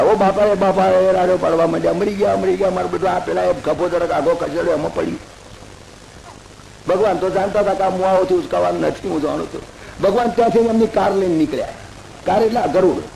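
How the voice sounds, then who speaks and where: A man giving a religious discourse as a lively folk story, acting out the characters' lines. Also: high-pitched, gravelly, reverberant, a little hiss or hum, rough recording. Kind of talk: Bhagavata discourse retold in folksy everyday terms.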